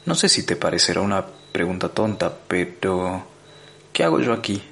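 A man's voice: sits low, sing-song, moderate pace, creaky, a bit bright, heavily acted. A man doing a bewildered, anxious everyman. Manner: anxious, incredulous. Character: bewildered ordinary Englishman, anxious and fussy.

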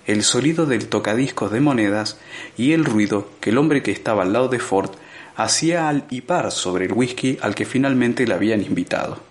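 A man narrating an audiobook in a measured, expressive storytelling manner. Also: mid-range voice. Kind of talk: scripted narration.

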